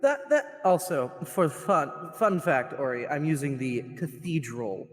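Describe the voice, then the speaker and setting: A man's voice: a little high, sing-song, measured pace. A man using a cathedral reverb voice mod while playing a stern mock prosecutor in an improvised trial roleplay. He stammers and repeats words as he scolds.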